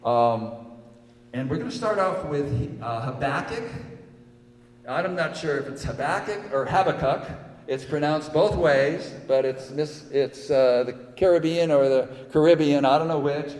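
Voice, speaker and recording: An older male pastor preaches slowly in a mellow, slightly raised voice, wandering through his points with plenty of ums and then swelling into emphatic declarations. His voice rings through a church hall with a long, roomy reverb. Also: medium pitch. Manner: rambling, halting with many fillers, rising to emphatic peaks. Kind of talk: sermon.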